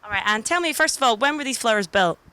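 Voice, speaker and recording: A woman's voice: fairly high pitch, expressive, fast, sharp tone, clean tone. A woman reporter opening a story with upbeat rhetorical questions and then interviewing.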